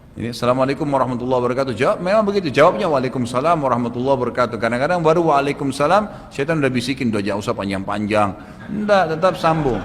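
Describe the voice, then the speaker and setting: Fast-talking preacher in a reverberant hall. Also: male voice, mid-range voice, a little hiss or hum. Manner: animated, emphatic, rising sharply to stress rulings. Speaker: preacher answering audience questions. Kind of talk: religious Q&A lecture.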